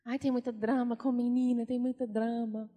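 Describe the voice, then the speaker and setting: A woman speaks in an earnest, encouraging sermon style. Her voice is a little high. A long hall reverb surrounds each phrase. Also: flat delivery, normal speed, warm tone. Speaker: preacher. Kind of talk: conversational sermon.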